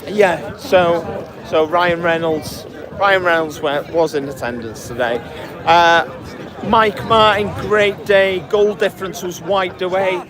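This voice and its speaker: A podcast host runs a casual post-match show, chatting and reading listener comments aloud. His hoarse, cracking voice sits high and moves slowly, and his talk rambles with plenty of fillers and restarts. Crowd noise can be heard.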